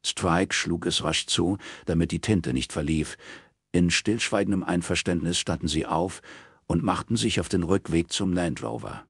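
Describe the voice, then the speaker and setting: A man reading a crime novel aloud in calm, measured scripted narration. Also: deep voice, creaky, breathy edge, no room sound, clean studio sound. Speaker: audiobook reader.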